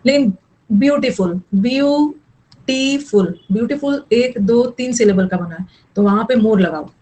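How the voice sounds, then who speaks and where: A woman's voice: mid-range voice, lively intonation, normal speed, warm tone, poor audio. A young woman teaching an online English grammar class, mixing explanation with chatty scolding asides to her students.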